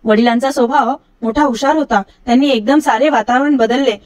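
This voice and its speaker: Storybook reader: high-pitched middle-aged woman who raises her voice for character lines. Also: steady tone, a little mellow. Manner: recites verse slowly and lower. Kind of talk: reading a story aloud.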